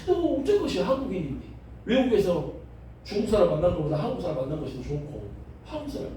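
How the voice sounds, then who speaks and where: A pastor from Jeolla with a Jeolla accent, lecturing a seminary class on the Bible in a lively, joking manner and often asking the class questions. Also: male voice, on the high side, fast talker, slight background noise. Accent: Jeolla Korean. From Jeolla, South Korea. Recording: echoey room, recorded from a distance.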